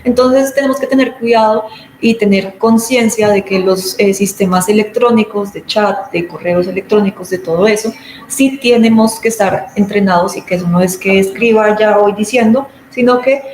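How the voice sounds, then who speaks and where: Woman, informal lecture, explanatory, mid pitch, roomy echo. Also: normal speed, darkish tone, a little hiss or hum. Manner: explanatory, acts out everyday examples. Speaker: speaker on patient communication. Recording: roomy echo, faint background ambience.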